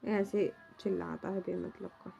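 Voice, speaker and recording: A young woman, a mother, chatting casually to her vlog audience at home in a rambling, homely way, often filling pauses as she talks. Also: fairly low pitch, fairly even intonation, creaky, mellow, lo-fi sound, faint music behind. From India. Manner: rambling and homely, fills with "matlab".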